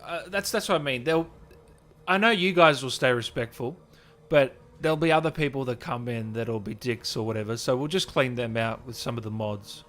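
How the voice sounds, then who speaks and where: Over soft background music, a man hosting a gaming channel's livestream chats informally with viewers, whom he calls guys and brother. His mid-range voice is a bit bright, his pace moderate, and the talk unscripted and friendly.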